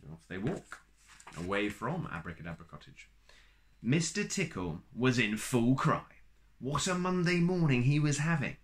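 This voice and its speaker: A man reads a children's picture book aloud in a slow, playful storytime style, tossing in little asides to his listeners. His voice is medium-pitched and very animated.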